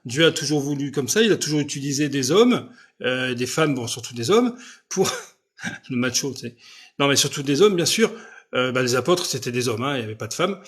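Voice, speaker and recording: Loud, insistent French-speaking preacher. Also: male voice, mid-range voice, expressive, brisk. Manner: loud, insistent speech with frequent rhetorical checks. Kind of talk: live-stream preaching, answering viewers' questions.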